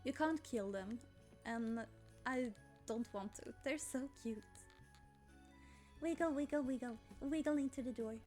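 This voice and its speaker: A young woman from Sweden, a gaming YouTuber with a Swedish accent, rambles casually through a let's play, apologizing often and squealing at cute things. Her voice sits high with a darkish tone, unhurried and full of pauses. Faint game music plays behind her.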